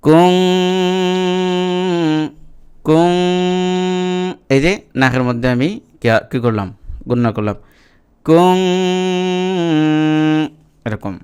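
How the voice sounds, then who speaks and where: Guy teaching quran reading, super clear voice, drawn-out slow recitation then quick bengali explaining. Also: medium pitch, animated, darkish tone. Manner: chants Arabic verses slowly, then explains rules in quick Bengali. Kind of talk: spelling-out lesson with recitation.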